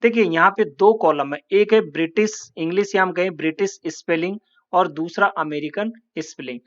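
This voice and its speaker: A man from India teaching a calm, patient lesson and spelling words out letter by letter. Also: high voice, moderate pace, muffled recording. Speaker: English teacher. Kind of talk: classroom lesson.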